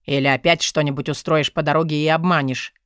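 A gruff, hoarse man speaks in a low, menacing half-whisper, as a woman narrator puts him on. The voice sits deep and grumbles each word with dry closeness. It suits a brooding rescuer in an audiobook. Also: steady tone, fairly quick, a bit bright, no echo. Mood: stern. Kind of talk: audiobook character voice.

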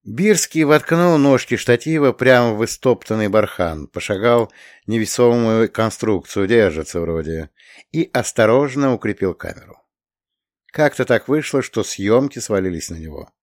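A man narrating a science fiction story as an audiobook reader, in measured storytelling. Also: fairly low pitch, expressive, no room sound, clean studio sound. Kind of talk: scripted narration.

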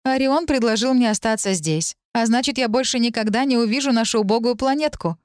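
A woman's voice: a little high, fairly quick, clean tone, dry recording, studio quality, voice pushed up, lightly acted. A woman reading an audiobook, voicing a blunt young woman who speaks curtly and dismissively. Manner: curt and dismissive.

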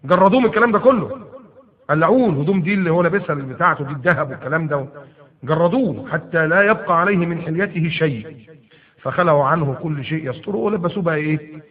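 A man with an Egyptian Arabic accent preaching, retelling a story in lively colloquial bursts. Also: on the high side, rapid-fire. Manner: animated, bursts into loud emphatic retelling. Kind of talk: sermon storytelling. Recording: tinny phone-like lo-fi audio.

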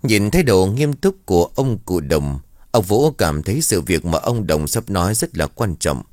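A man narrating a scripted story in a steady, even storytelling manner. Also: sits low, moderate pace, dry recording, studio quality.

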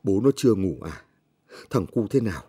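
A man's voice: on the low side, big pitch swings, normal speed, mellow, breathy edge. A man reading the lines of a poor peasant wife and anxious mother, asking plain worried questions.

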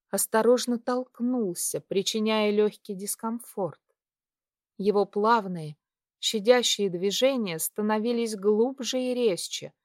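A woman reading a first-person romance novel aloud in a soft, intimate way. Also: mid-range voice, no echo, studio quality. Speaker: audiobook narrator.

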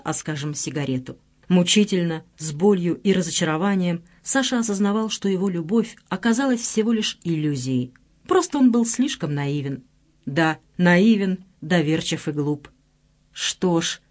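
A narrator reading a novel aloud in an expressive, dramatic way. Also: medium pitch. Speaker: audiobook narrator. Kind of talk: scripted narration.

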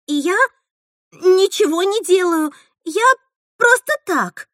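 Woman doing a scared teen girl for an audiobook: high, timid, halting, dry close mic. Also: lively intonation, a bit bright, no echo, heavily acted. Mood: frightened. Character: frightened teenage girl Nastya. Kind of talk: audiobook reading.

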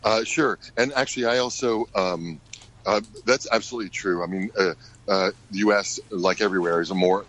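A middle-aged American man, a ballet director, answering questions in a radio interview, halting with many fillers and restarts. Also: fairly low pitch, fairly bright tone, low-quality recording. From United States.

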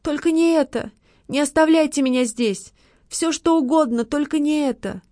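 A woman plays a cowardly husband begging in terror, his voice shrill and pushed high. He shrieks and pleads. The recording is dry and close. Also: moderate pace, darkish tone, dry recording. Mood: panicked.

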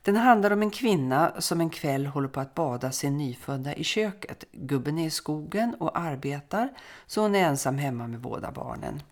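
A woman podcast co-host and folklorist, calmly reading a listener's letter and story aloud in a measured way. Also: low voice. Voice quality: creaky.

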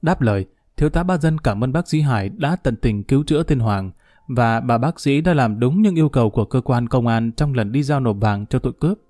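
Mellow-voiced male story narrator. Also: mid-range voice, no room sound, studio quality, faint music behind. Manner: steady, measured storytelling.

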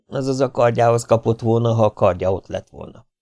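A man narrating a children's novel in a lively, wry audiobook reading. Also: medium pitch, vocal fry, no echo. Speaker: audiobook reader.

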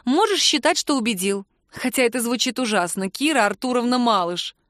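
A woman voicing a playful, witty young woman who teases lively and mock-indignantly, in a dry close recording. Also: fairly high pitch, fairly quick, dry recording, voice pushed up. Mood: teasing.

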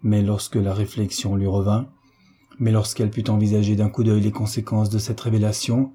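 Husky low male narrator for a classic novel, measured and expressive. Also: soft background music. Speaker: audiobook narrator. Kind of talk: novel read aloud.

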